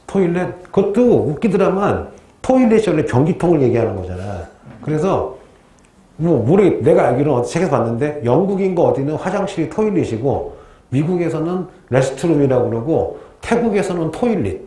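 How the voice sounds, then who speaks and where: A male teacher lecturing in a relaxed, joking way, slipping off into chatty anecdotes between points. His voice is warm and mellow, with a middling pitch. The room gives it a roomy echo. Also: brisk. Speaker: history teacher. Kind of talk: casual classroom lecture.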